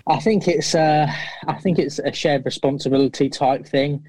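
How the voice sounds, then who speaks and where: A man's voice: fairly high pitch, moderate pace, crowd noise, rough recording. A man giving interview answers as a football fan, earnest and hesitant. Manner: earnest, hesitant, many fillers and restarts.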